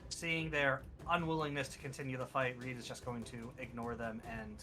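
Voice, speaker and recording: A man's voice: mid-range voice, level tone, moderate pace, music in the background. A man who is a player in a tabletop game, describing his character's actions in a slightly hesitant, casual way.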